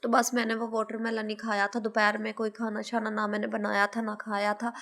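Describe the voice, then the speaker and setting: A woman's voice: medium pitch, completely flat delivery, fairly quick, a bit bright. A woman in her thirties with a Pakistani Urdu accent, chatting through a casual vlog voice-over about her day, homely and rambling. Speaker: vlogger, housewife.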